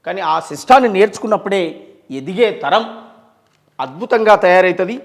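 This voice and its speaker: There's vocal fry in this man's high, expressive voice, which moves at a moderate pace with a Telangana Telugu accent. Appearing as an interview guest, he speaks with fervor and emphasis, full of rhetorical questions and long lists.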